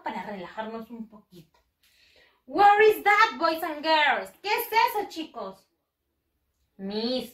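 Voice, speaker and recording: A woman with a high, bright voice leads a bilingual lesson for young children, drawing each word out slowly so they can repeat it. Her pitch swings widely from word to word. She sounds a little away from the mic in an echoey room. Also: distant mic. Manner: slow, exaggerated and patient, repeating words for children to copy. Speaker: first-grade English teacher.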